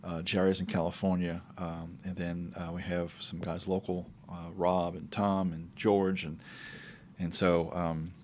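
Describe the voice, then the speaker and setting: Low-voiced man hosting a podcast. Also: flat delivery, slight background noise. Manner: easygoing, halting, with asides. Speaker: podcast host. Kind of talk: casual conversational podcast.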